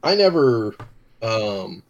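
A man co-hosting a podcast in casual chat, cracking dry deadpan jokes. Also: on the low side, takes it slowly, highs cut off. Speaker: podcast co-host.

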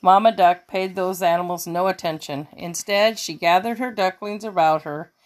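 A woman reading a children's picture book aloud, slow and expressive, now and then fixing a slipped word. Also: fairly low pitch. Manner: slow, expressive storytelling with small self-corrections. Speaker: children's story reader.

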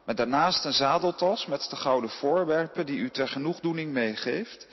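A man reading a Bible passage aloud at a steady pace, now and then correcting a slipped word. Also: a little high, normal speed, husky, long reverb tail, muffled recording. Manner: steady reading with occasional slips and self-corrections. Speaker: scripture reader.

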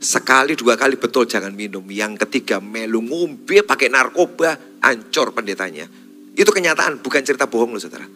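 A male pastor with a Javanese accent delivers a church sermon over faint music. His voice is very bright and sharp, and his pitch leaps up and drops widely. He hammers warnings home and sinks into hushed asides. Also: lively intonation, a little fast. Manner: emphatic, repeats warnings, swings between loud and hushed. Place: church service.

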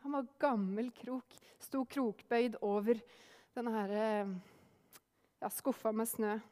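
A woman telling a folk story aloud, lively, acting out the characters' lines herself. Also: a little high, long reverb tail. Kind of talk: oral storytelling.

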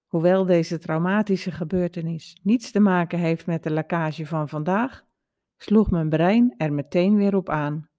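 A woman in her fifties reading aloud a personal story in a calm, wry storytelling manner. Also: fairly low pitch, unhurried. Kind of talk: read-aloud personal narrative.

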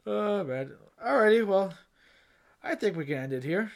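A man co-hosting a casual podcast, swearing freely and breaking into laughter and loud outbursts. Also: sits high, expressive, moderate pace, creaky. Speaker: podcast co-host.

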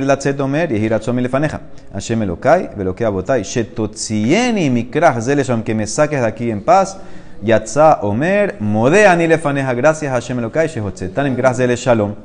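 A man leads a Talmud study class. He reads each Aramaic phrase slowly, then explains it in Spanish. He keeps asking his listener questions as he teaches. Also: mid-range voice.

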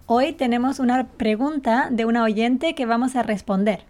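A woman with a lilt and a fairly high voice, co-hosting a relaxed podcast. She explains things patiently and breaks into easy laughter often. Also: moderate pace. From Canary Islands. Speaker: podcast co-host and Spanish teacher. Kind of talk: casual chat.

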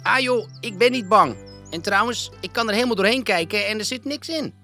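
Guy putting on a squeaky little girl bear cub, super dramatic, bright storybook voice. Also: fairly quick, faint music behind. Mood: daring.

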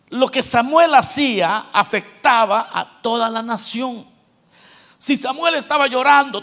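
A male pastor with an extremely high-pitched voice preaches a sermon. He swings between loud exhortation and quiet, joking asides to his congregation.

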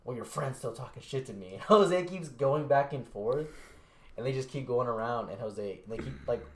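A young man on a podcast casually telling a long story, swearing freely and acting out the other people's lines in a lower mumble. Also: normal speed, a little hiss or hum. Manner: relaxed, swearing, acts out quotes in a low mumble. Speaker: podcast host. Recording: echoey room.

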